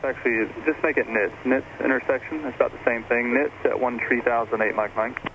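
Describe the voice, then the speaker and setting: A male air traffic controller heard over a cockpit radio transmission, rattling off instructions at a brisk clip. His voice sounds bright and pointed, with clipped, routine phrasing and a faint hiss behind it. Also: medium pitch, fairly even intonation, rough recording. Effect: radio transmission from the control tower.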